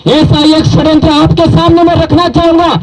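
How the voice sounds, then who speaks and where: A community speaker from southern Rajasthan, India, whose first language is Bhili, delivers a rousing public speech from a stage at a public event. His voice is high, his tone level and his pace fairly quick, and he is emphatic, quizzing the crowd with rhetorical questions. Heavy background noise fills the recording.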